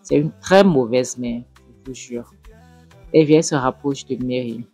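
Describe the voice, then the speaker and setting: A woman casually retelling a film scene, emotional and exclaiming, going quiet when moved. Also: extremely low pitch, sing-song, measured pace, vocal fry, husky, soft background music. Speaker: movie recap host.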